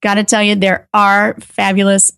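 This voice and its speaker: A middle-aged woman, a guest telling her story in an interview, talking animatedly with sharp emphatic pitch rises. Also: monotone, normal speed, gravelly, smooth, dry recording, clean studio sound. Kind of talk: personal interview.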